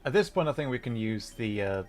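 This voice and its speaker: A livestream host with a medium-pitched, animated voice chats casually while playing a game, speaking fairly quickly. Soft music plays in the background, and his manner is apologetic and self-deprecating.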